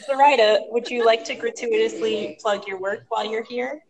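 A woman's voice: fairly high pitch, moderate pace, poor audio. A woman co-hosting a podcast in casual chat, wry and hesitant with many ums. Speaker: podcast co-host. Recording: background crowd chatter.

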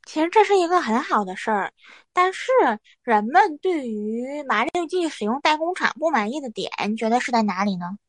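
A woman co-hosting a podcast in casual chat, asking questions and adding her opinions in an animated way. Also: high-pitched, moderate pace, no echo. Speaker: podcast co-host.

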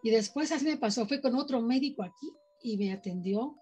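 A woman with a Mexican accent tells a personal story in a casual chat, her voice pitched fairly high with a breathy edge. She livens the tale by acting out the people she quotes. Soft music plays faintly underneath. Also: animated, brisk. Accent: Mexican Spanish. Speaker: podcast guest sharing paranormal experiences.

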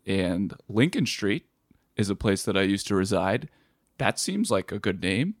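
A man's voice: on the low side, big pitch swings, measured pace, no echo. A man who is a woodworker, a guest on a podcast, telling stories with dry, wry humor. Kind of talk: casual interview chat.

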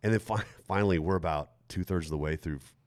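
A middle-aged man hosting a podcast, telling a self-deprecating story in an animated way. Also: low-pitched, fast talker, dry recording. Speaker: podcast host. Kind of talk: storytelling chat.

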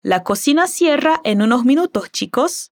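A woman whose first language is Portuguese teaching a Spanish lesson, slowly modeling words and phrases for the listener to repeat. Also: high-pitched, expressive. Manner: slow, careful modeling of words.

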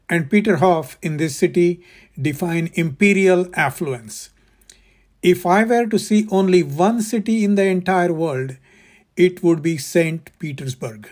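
A man hosting a travel podcast, reading scripted narration in a measured, deliberate way. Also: high voice, a little mellow. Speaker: podcast host.

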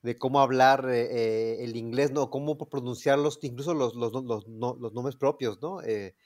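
A man with a Mexican accent co-hosting a casual comedy chat, talking haltingly with many restarts and jokes. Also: medium pitch, fairly even intonation, a little mellow. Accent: Mexican Spanish. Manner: halting, repetitive, joking. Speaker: podcast co-host.

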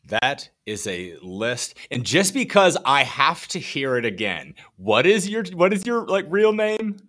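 A man's voice: medium pitch, big pitch swings, measured pace, a bit bright. A man hosting a live podcast interview, talking in a hyped, slangy, upbeat way. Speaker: podcast host.

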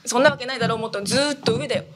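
A woman's voice: a little high, very fast, a crowd in the background, natural voice. A woman voicing a polite, fussy middle-aged male shop clerk in a rakugo storytelling performance. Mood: exasperated.

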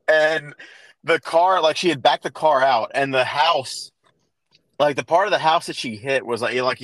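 Man, podcast host, casual rambling chat, bright tone, dry sound. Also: medium pitch, no room sound, low-quality recording. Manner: rambling storyteller, many restarts and fillers.

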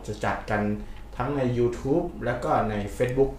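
A man's voice: medium pitch, slow, a little mellow, a little hiss or hum. Polite male co-host in an echoey room. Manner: polite, greets viewers, ends lines with formal particles. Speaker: co-host of a live podcast. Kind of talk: casual live-stream chat.

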